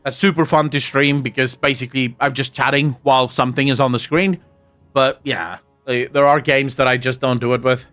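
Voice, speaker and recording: Over faint background music, a young South African man, a native Afrikaans speaker with that accent, chats live with his viewers. He swears freely as he rants and jokes, his medium-pitched, fairly bright voice brisk and fairly even in intonation.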